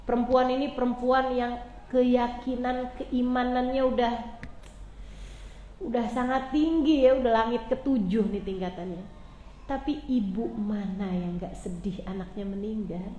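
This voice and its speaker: A woman preacher telling a religious story with emotion, dropping soft and low when she quotes the figures in it. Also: measured pace, lo-fi sound. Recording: echoey room with faint ambience.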